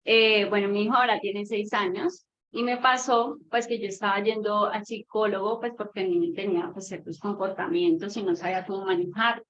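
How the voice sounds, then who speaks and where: A woman's voice: mid-range voice, steady tone, brisk, few pauses, fairly bright tone. A mother, telling a long story about her child and asking a question in casual talk, with many fillers. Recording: dull lo-fi audio with faint noise.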